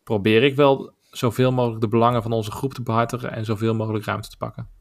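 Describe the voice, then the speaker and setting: A man with a Dutch accent co-hosting a podcast, talking in a measured, opinionated way with many filler pauses. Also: medium pitch, level tone, creaky. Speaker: podcast co-host. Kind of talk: casual podcast discussion.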